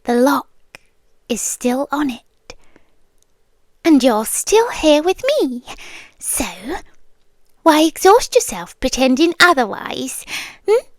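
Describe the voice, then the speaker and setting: A British woman plays a possessive yandere girlfriend in an intimate ASMR roleplay. Her voice is high, very animated, and exaggerated, with no echo. Controlled and taunting, she speaks slowly and deliberately with condescending sweetness and patient menace, dropping into whispers.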